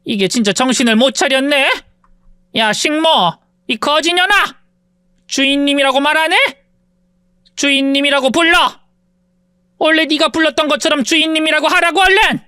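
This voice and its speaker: A woman's voice: normal speed, long pauses, no echo. A woman voicing an arrogant, spiteful rich middle-aged woman who bullies and insults in an audio story, in a dry close recording. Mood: taunting. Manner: sneering, insulting, shrill when shouting.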